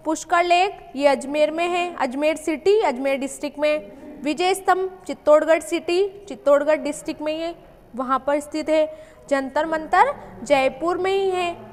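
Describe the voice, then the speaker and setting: A woman's voice: high-pitched, long reverb tail. A woman teacher explaining a school English lesson, repeating her own questions and answering them.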